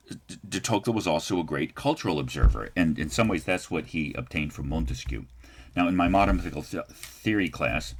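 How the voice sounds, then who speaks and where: An American man lecturing a political science class, talking in a loose, discursive way full of fillers and restarts. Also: a bass voice.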